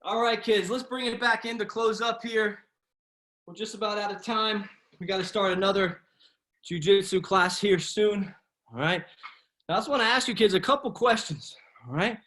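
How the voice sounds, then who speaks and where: A man's voice: high voice, normal speed, bright, forceful tone. Encouraging male kids' martial arts coach. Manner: encouraging, casual, often ends phrases with "right?". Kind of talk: upbeat class coaching and discussion. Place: online video class run from home.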